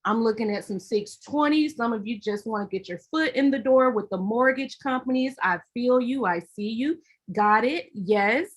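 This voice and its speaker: A woman's voice: fairly high pitch, lively intonation, moderate pace. A young Southern woman from Alabama hosting a livestream workshop, chatty and upbeat as she greets viewers. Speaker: host of a credit workshop livestream.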